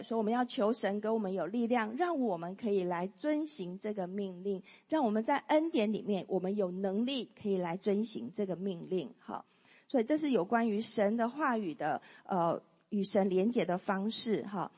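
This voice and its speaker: A woman's voice: mid-range voice, lively intonation, a little fast, a little mellow, slightly rough. A woman teaching a church class on prayer, leading the group through points and often saying "好" and "哈". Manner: leads group reading, frequent "好" and "哈" fillers. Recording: long hall reverb.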